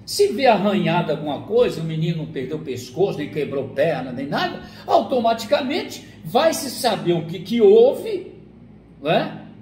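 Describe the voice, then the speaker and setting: Animated man in an echoey room. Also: high-pitched, normal speed, a little hiss or hum. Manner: animated, acts out quoted parents and children. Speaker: psychologist giving a talk. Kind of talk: explanatory talk. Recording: echoey room with faint ambience.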